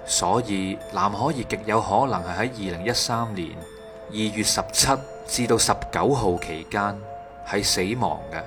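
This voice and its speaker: A man's voice: fairly low pitch, normal speed. A man with a Hong Kong Cantonese accent reads scripted true crime narration in a factual, methodical manner. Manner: factual, methodical recounting of case details. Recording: music behind the voice. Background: background music.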